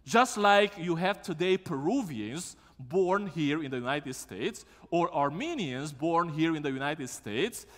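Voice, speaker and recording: A man's voice: on the high side, unhurried, few pauses. A man, preaching a sermon as pastor in a church sanctuary and asking the congregation questions. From Romania. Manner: lively, asks the congregation questions. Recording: long church reverb.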